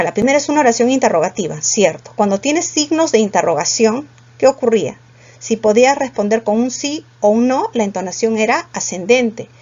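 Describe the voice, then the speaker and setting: A woman's voice: a little high, a little mellow. Woman teaching a lesson. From Peru. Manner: patient, explains step by step with questions to students. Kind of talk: classroom lecture solving exam questions. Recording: dull lo-fi sound.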